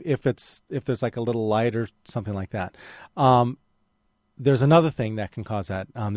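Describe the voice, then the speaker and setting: A man on a call-in radio show, explaining patiently with plenty of pauses and fillers. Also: lowish voice, dry recording, clean studio sound. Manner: explanatory, relaxed, many fillers. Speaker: radio guest expert on photography. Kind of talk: casual call-in radio chat. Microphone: studio microphone.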